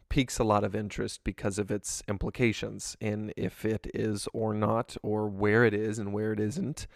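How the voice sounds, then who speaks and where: Gravelly low-voiced laid-back man. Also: dry recording, clean studio sound. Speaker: podcast co-host. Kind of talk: casual podcast discussion.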